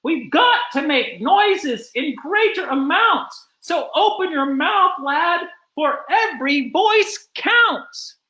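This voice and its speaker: A storyteller voicing an excited, frantic small-town mayor in a read-aloud picture book, calling out urgently. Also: high-pitched, slow pace, hardly any pauses, echoey room, pitched above the performer's own voice, exaggerated voice, low-quality recording. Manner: urgent, rallying calls.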